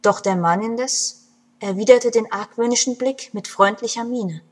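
Narrating at a measured pace in a slightly high, breathy voice, a woman shapes her story expressively, letting her loudness swing from soft to powerful.

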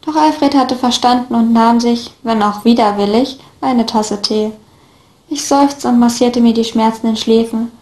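A woman narrating a first-person story in a steady, even reading voice. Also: fairly high pitch, a little slow. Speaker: audiobook reader. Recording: echoey room.

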